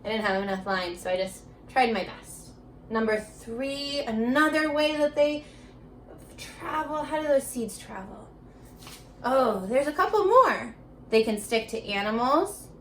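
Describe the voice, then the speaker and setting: At a measured pace, a woman teacher from an elementary school reads aloud slowly to young children over a remote lesson, then breaks into chatty, encouraging questions aimed at each pupil as if present. Her voice is high and very lively, and a bit of background noise sits behind it.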